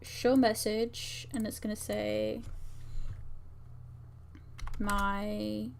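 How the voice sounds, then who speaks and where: A woman streamer mutters her way through a task one step at a time, thinking aloud casually in broken-up phrases as she works along. Her voice is medium-pitched, very flat, extremely slow and creaky, with a little hiss or hum. Keyboard typing and clicking sound in the background.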